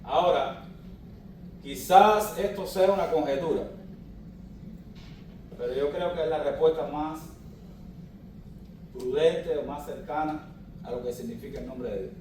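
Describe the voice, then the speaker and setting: Male pastor, higher-pitched voice, teaching sermon in an echoey hall, mic at a distance. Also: a little slow, long pauses, darkish tone, slight background noise. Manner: teaching, asks the congregation questions. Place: church hall.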